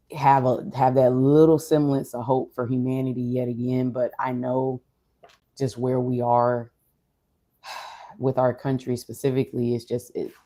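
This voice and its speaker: Low, unhurried, mellow voice, even and subdued. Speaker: streamer or vlogger. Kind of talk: casual reflective monologue to an audience.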